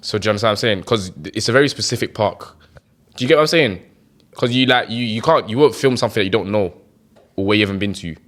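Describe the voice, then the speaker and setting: A man's voice: lowish voice, fast talker, fairly bright tone. A young man with a London accent and slangy roadman talk, chatting casually on a podcast. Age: young adult.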